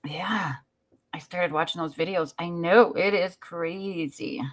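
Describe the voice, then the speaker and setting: A woman's voice: fairly low pitch, steady tone, a little slow. A woman hosting a casual live stream, laughing often and greeting viewers in the chat by name. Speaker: livestream host.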